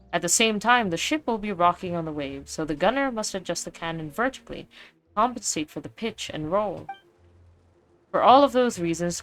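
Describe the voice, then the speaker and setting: A woman voicing a calm, kindly older male weapon engineer as she reads game dialogue aloud, steady and explanatory with small slips. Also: fairly low pitch, low-quality recording.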